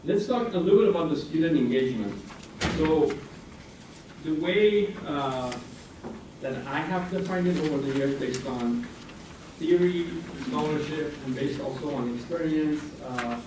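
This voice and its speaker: Here a fortyish international center director, Iranian American with a French upbringing, addresses a student senate as an invited guest. He talks at a measured pace in a slightly high voice, stumbling through fillers and false starts. Recorded from afar in a university meeting room, the sound is noisy and echoes like a large hall.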